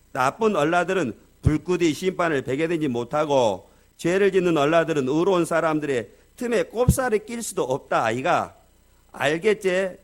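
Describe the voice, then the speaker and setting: A man's voice: on the high side, lightly acted. A man voicing a blunt male churchgoer with a Gyeongsang dialect who recites a psalm in a bossy, lecturing way and scolds with rhetorical questions.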